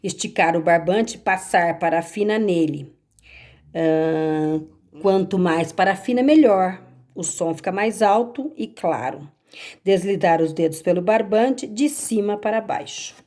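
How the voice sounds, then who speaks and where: A woman's voice: lowish voice, unhurried, mellow. A Brazilian woman teacher patiently going over homework corrections, explaining step by step and checking in with her pupils. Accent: Brazilian Portuguese.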